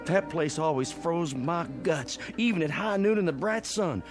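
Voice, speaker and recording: A man's voice: fairly high pitch, animated, moderate pace, natural voice. An actor playing an uneasy, impatient Old West saloon man with a dry manner, in old-time radio drama style. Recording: loud music under the voice.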